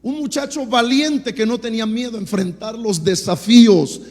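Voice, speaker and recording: High-voiced Mexican pastor preaching in a hall. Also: male voice, a little mellow. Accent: Mexican Spanish. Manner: preaching with rising, emphatic bursts and quick storytelling asides. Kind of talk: sermon. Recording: long hall reverb.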